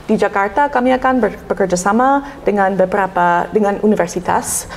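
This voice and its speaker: A woman's voice: mid-range voice, fairly quick, slight background noise. A woman from the United States speaking Indonesian as a foreigner with an American accent, mixing in English words in a casual interview as a lecturer. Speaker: university lecturer being interviewed.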